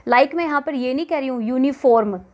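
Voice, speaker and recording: A woman with a Haryanvi accent and a brisk, high-pitched voice teaches an exam-prep grammar lesson. She explains patiently, repeats words, and puts questions to the class.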